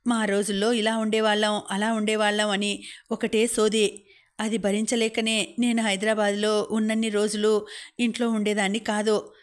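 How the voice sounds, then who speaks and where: A hurt young college girl in a storybook reading, complaining with indignation, as a woman narrator voices her. The reading stays even in pitch and carries little melody. The voice is a middle-pitched woman's. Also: moderate pace, close to an everyday voice. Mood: indignant. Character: upset young woman student, hurt and defiant.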